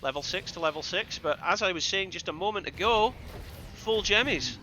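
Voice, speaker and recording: Excitable esports caster, bright voice. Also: male voice, high voice, normal speed. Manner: excitable, bursts of loud exclamations. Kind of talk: live play-by-play commentary.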